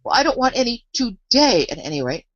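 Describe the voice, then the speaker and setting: Woman voicing an earnest little girl, lifted pitch. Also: big pitch swings, a little fast, fairly bright tone, no room sound, lo-fi sound. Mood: puzzled, polite. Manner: earnest, questioning, slightly hesitant. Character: polite, puzzled, earnest seven-year-old girl. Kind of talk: storybook character voice.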